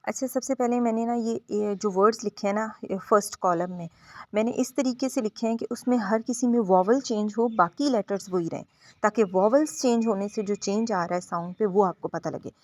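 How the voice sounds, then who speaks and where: A woman's voice: mid-range voice, a little fast, a little mellow, no echo. A woman teaching a home-schooling phonics lesson, explaining patiently and drawing out each letter sound.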